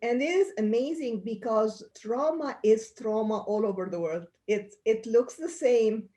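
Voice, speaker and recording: A middle-aged Egyptian pediatrician answers interview questions, explaining things earnestly and restarting often. Her voice is a little high, a little slow and warm.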